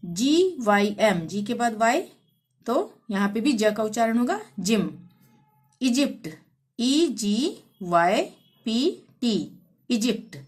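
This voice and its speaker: A woman's voice: fairly high pitch, big pitch swings, slow, long pauses, a little mellow. A woman teacher explaining pronunciation rules patiently, spelling out words letter by letter and repeating each rule. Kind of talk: language lesson.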